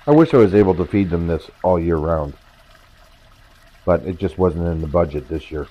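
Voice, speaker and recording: An older man with a cold-roughened voice gives a casual, halting review of fish food for his pond, with his voice breaking upward now and then. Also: sits low, warm tone. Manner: halting, pauses mid-sentence to find words. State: hoarse from a cold, voice cracking upward. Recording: dull lo-fi, dry sound.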